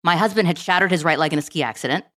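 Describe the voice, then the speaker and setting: A middle-aged woman speaks as a guest on an interview podcast. She talks quickly and tells her story in an animated way, acting out the lines of the people in it. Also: fairly low pitch. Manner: fast, animated storytelling with quoted dialogue. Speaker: guest, program management director.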